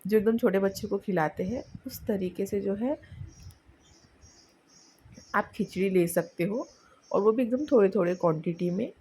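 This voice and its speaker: A woman's voice: medium pitch, a little mellow, a little hiss or hum. Chatty woman vlogger from India. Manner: chatty, frequent fillers and Hinglish asides. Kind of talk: casual personal vlog narration.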